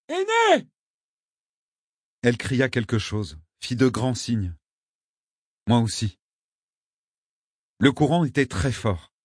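A man giving a steady, measured scripted narration of an audiobook. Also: on the low side, no room sound, studio quality.

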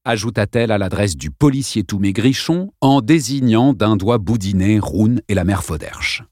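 Un homme qui lit un roman en livre audio, d'un ton posé et expressif. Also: male voice, fairly low pitch, animated, moderate pace, darkish tone, no room sound, clean studio sound. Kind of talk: narration de roman lue.

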